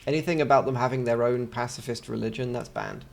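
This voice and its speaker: A man's voice: mid-range voice, fairly even intonation, fast, vocal fry. An English man casting a strategy video game in a chatty way, with joking asides between the play-by-play. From England. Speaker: game caster.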